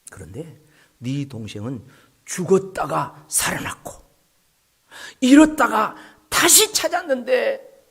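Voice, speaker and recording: A man's voice: medium pitch, vocal fry, fairly bright tone, slightly rough. A male pastor preaching a sermon, telling the story dramatically and dropping at times to whispers.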